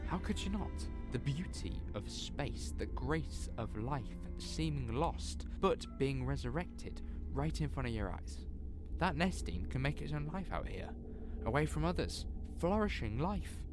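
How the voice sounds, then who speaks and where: A man plays the eccentric alien traveller known as the Doctor, musing and explaining in quick bursts. His voice sits in a middle register over clear background music in an audio drama. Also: medium pitch, big pitch swings. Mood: wistful. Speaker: audio drama writer and actor. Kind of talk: fan audio drama acting.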